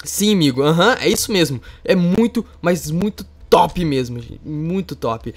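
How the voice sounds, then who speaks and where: A man with a Brazilian Portuguese accent hosting a Minecraft let's play, excitable and jumping to loud squeals when startled. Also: on the high side, moderate pace. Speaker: gaming youtuber host.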